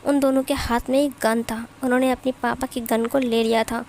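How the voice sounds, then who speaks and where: Woman storyteller with a high voice, chatty and casual retelling, faint hiss behind. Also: flat delivery, moderate pace, darkish tone. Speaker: story narrator. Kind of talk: casual fan-fiction storytelling.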